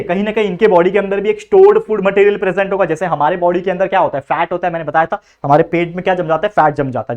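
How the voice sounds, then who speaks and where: Young male tutor, brisk and high-pitched, lecturing and answering his own questions. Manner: asks rhetorical questions and answers them himself; mixes English terms into Hindi explanations. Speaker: biology tutor. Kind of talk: classroom lecture.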